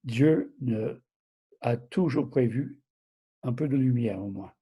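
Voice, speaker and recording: A man's voice: mid-range voice, slow pace, husky, highs cut off. An older man, sixties or above, with a mixed southern French and American accent, teaching the Bible informally in slightly broken, hesitant French, often correcting himself and checking in with listeners. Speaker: preacher.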